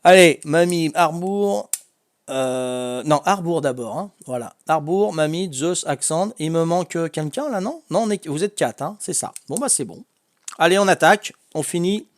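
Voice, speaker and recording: Speaking at normal speed with lively intonation, this Corsican-accented man hosts a relaxed family quiz, chatting and laughing frequently as he reviews each person's answers. His pitch runs slightly high for a man. The sound is close and dry, nearly free of room echo.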